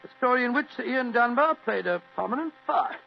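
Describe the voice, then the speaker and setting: An actor playing a genial older British gentleman doctor who tells stories in an old radio drama. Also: very high voice, animated, a little fast, vocal fry, full character voice. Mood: genial, reminiscing. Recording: muffled old radio recording with hum and hiss.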